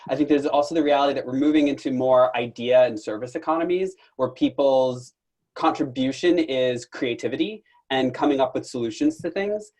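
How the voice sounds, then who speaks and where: A man joins a webinar panel and explains his points in a measured, analytical way. His voice sits at a middle pitch and stays calm and even. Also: low-quality recording. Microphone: video call.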